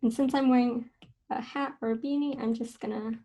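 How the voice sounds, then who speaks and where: A young woman teaching a casual drawing lesson, talking in a relaxed, chatty way with fillers and self-corrections. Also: on the high side, brisk. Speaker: art instructor.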